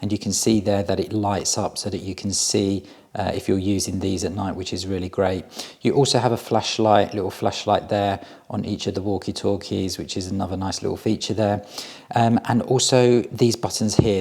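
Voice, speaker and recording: Explaining each step like a reviewer, a man talks casually and plainly during a product demo. His fairly low voice is creaky, a little mellow and slightly rough.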